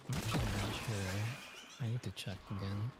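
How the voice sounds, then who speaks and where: A man's voice: fairly low pitch, fairly even intonation, moderate pace, loud music behind the voice. A man chatting casually and a little hesitantly as he plays a game with a friend. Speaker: gaming co-player. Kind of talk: casual chat. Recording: voice chat under loud game noise. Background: loud video game sounds and clicks.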